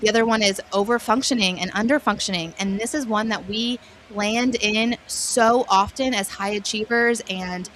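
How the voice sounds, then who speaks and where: A woman's voice: mid-range voice, normal speed, hardly any pauses, a bit bright, a little hiss or hum. Earnest woman coaching on stress. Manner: earnest, faith-based coaching tone. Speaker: wellness guest. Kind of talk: conversational radio interview.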